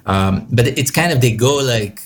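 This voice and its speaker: A man's voice: medium pitch, expressive, moderate pace. A man, answering interview questions hesitantly with many fillers. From Bulgaria. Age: 30s. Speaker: guest, real estate investor.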